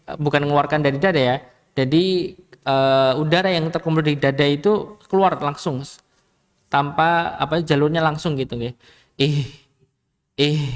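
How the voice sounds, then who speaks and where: A young man teaching Quran recitation in a mosque, slowly demonstrating sounds again and again. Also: on the high side. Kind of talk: mosque study lesson.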